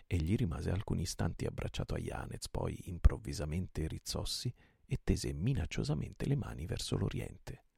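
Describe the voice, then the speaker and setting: A man narrates an old adventure novel for a night-time reading, with dramatic, lively phrasing. His voice is low and husky with heavy fry, recorded dry and close. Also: normal speed, no echo. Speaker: audiobook reader.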